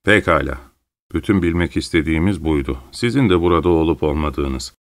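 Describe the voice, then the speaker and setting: A man voicing a big burly man in overalls who calls a roll in a loud, commanding, businesslike way. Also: a bass voice, expressive, a little fast, pitched below the performer's own voice. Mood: brisk.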